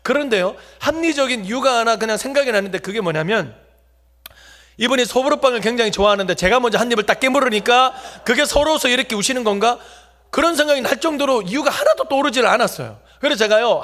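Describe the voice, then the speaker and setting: A man preaching. He spins a humorous story and talks straight to the congregation. His voice runs notably high. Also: a bit bright. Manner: jokey, talks directly to the congregation. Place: church sanctuary.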